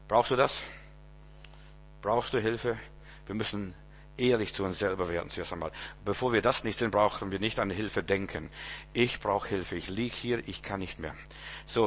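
A man in his fifties delivers an informal sermon as a pastor. He talks conversationally, throws in rhetorical asides to his listeners, and often repeats words as he goes. His voice sits at an ordinary male pitch. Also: fairly bright tone, slight background noise.

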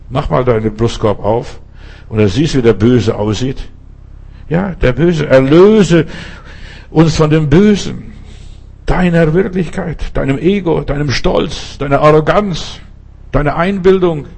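A man's voice: mid-range voice, a little mellow, slightly rough. A male preacher giving an emphatic sermon, speaking straight to the listener with pointed rhetorical questions.

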